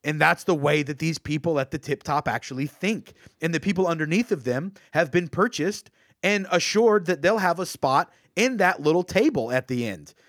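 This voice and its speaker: A young man co-hosting a casual podcast chat, talking in an animated way, acting out quoted voices and laughing often. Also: on the high side, moderate pace, dry recording, clean studio sound. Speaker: podcast co-host.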